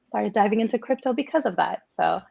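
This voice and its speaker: A woman's voice: mid-range voice, expressive, brisk, creaky, darkish tone, muffled recording. A woman singer-songwriter from Morocco, raised in Canada, talking candidly as a guest on a casual show. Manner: candid, reflective, with small laughs and fillers. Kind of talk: casual interview chat.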